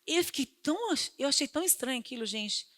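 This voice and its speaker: A middle-aged Brazilian woman pastor giving an animated sermon, swinging between loud emphasis and hushed asides. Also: high voice, quick pace. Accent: Brazilian Portuguese. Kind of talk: lively sermon with storytelling.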